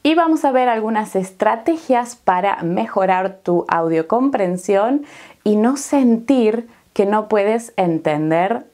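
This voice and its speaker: Slow, clear Argentine woman teaching Spanish. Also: mid-range voice, expressive, dark tone. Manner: clear, deliberate teacherly explaining with rhetorical questions. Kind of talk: explanatory online language lesson.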